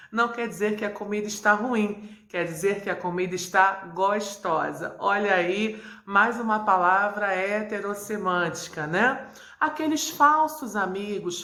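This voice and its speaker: A woman from Brazil, a Spanish teacher, explaining terms in a clear, didactic way and repeating key points. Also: mid-range voice, fairly bright tone. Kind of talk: video lesson to camera. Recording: echoey room.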